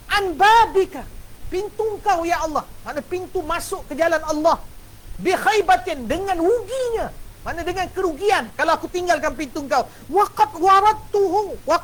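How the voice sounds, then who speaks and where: A man giving a classical text lecture as a religious teacher, animated and checking his listeners with rhetorical questions. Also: very high voice, poor audio.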